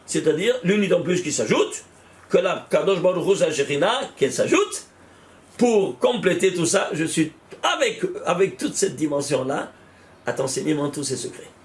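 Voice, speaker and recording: A man teaching a Kabbalah study class, animated, repeating numbers out loud and exclaiming in wonder as he questions his students. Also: fairly high pitch, normal speed. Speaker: Torah teacher.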